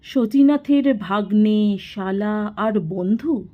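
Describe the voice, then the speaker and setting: A woman narrating a classic story in a slow, expressive reading voice. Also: medium pitch, lo-fi sound.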